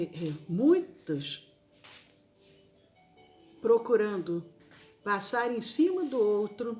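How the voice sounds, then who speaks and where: A woman from Brazil leading a spiritist gospel study, speaking slowly and repeating key phrases for emphasis. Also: mid-range voice.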